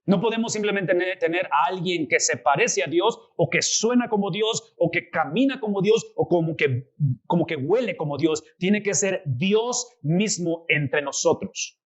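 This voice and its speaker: Animated man teaching a Bible class. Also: high voice, normal speed, muffled recording. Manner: animated, rhetorical questions to the class.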